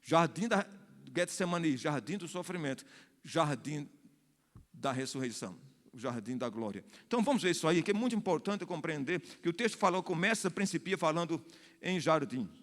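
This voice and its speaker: A Brazilian-accented man preaches a Bible study in a church hall, his fairly high voice carrying a long, ringing reverb. He explains patiently and circles back over his phrases, tossing in little questions to keep the congregation with him. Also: animated, moderate pace. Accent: Brazilian Portuguese. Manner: explanatory, repeats and restarts phrases, asks the congregation "né?". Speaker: pastor.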